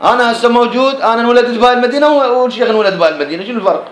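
Brisk Iraqi teacher, higher-pitched male voice, lectures with rhetorical questions, roomy echo. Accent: Iraqi Arabic. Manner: explains line by line, asks and answers his own questions. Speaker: teacher of Islamic jurisprudence. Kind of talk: classroom lecture explaining a text.

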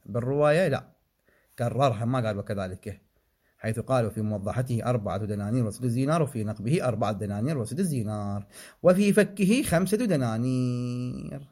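A man teaching religious law in a seminary-style lecture. He recites figures from a text in a measured way, breaking off for short asides and corrections. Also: mid-range voice, mellow.

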